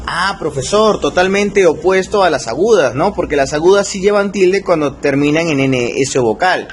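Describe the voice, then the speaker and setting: Guy doing a curious student voice, eager and puzzled, bouncy lively pitch. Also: moderate pace, a little hiss or hum, lightly acted. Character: curious student asking the teacher questions. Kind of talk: acted classroom dialogue.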